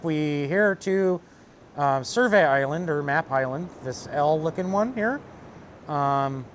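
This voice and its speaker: A man's voice: a little high, a little hiss or hum. A man streaming a video game, chatting loosely with viewers and explaining a puzzle with many fillers. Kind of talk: casual let's-play commentary.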